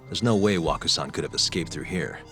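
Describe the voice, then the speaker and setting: In a game dub scene with music behind him, an actor voices a sharp young male private investigator who asks questions calmly, probingly and methodically. His voice sits low and his pace is brisk.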